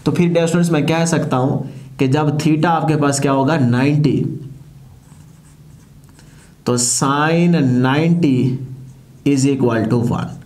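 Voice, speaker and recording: A male physics teacher, explaining step by step, asking his students questions and slowing down to spell out equations as he writes. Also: fairly high pitch, fairly even intonation, darkish tone. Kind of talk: classroom lecture.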